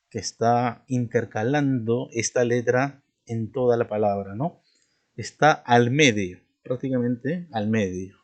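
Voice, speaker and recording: Speaking at a middle pitch with a darkish tone, a male teacher leads a patient spelling lesson. He explains each step and repeatedly uses tag questions to check in with his listener.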